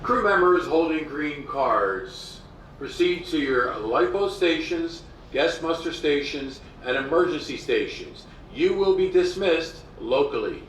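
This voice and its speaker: A man making a formal ship loudspeaker announcement to the crew, measured and repeating each instruction. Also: fairly high pitch, expressive. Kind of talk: formal public address. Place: heard over a ship's deck loudspeakers. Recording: echoey loudspeaker from far off, faint background noise.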